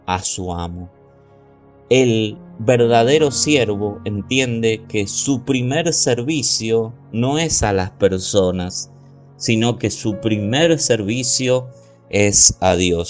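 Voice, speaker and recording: A man preaching a sermon as pastor, slowly and deliberately, stretching out key words and reading scripture aloud. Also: mid-range voice.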